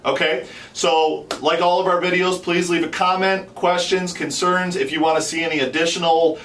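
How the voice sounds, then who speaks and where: Male instructor, thirties, slightly high voice, explanatory and repetitive; echoey indoor recording with background noise. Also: steady tone, moderate pace, a bit bright. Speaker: host and duck calling instructor. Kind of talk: unscripted instructional talk. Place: small wood-panelled shop room, indoors. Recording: roomy, distant, noisy pickup.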